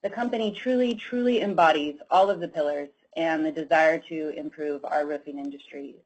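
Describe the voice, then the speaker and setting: A woman's voice: low-pitched, a little fast, slightly rough, rough recording. A woman hosting a webinar, thanking speakers and introducing the next one in an effusive, enthusiastic way. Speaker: webinar host. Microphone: online call.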